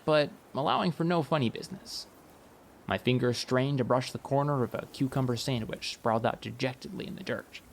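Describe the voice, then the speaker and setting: With a medium-pitched voice touched by vocal fry, a man narrates a first-person comic fantasy audiobook. His storytelling is wry and expressive.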